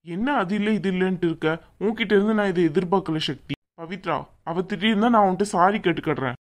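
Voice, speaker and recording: A woman's voice: lowish voice, quick pace, natural voice. A woman voicing an earnest young groom. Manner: firm, scolding, protective of his sister. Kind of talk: cartoon voice acting.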